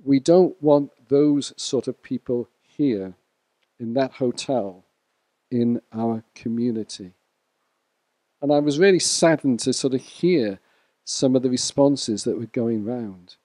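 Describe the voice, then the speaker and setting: A man preaching a sermon to a church congregation in a measured way, sometimes speaking to people in the room. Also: mid-range voice, mellow, dry recording. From Wales.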